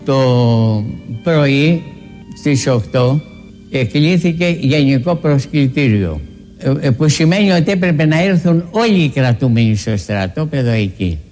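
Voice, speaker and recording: A man's voice: medium pitch, expressive, a little mellow, in a large hall, faint music behind. A man recounting events as a witness in an archival testimony, plainly with some hesitations.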